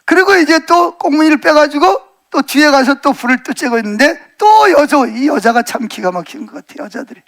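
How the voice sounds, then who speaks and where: In his sermon, a middle-aged male pastor with an extremely high pitch speaks briskly and barely pauses. He brings a story to life with acted quotes and repeatedly asks the congregation questions.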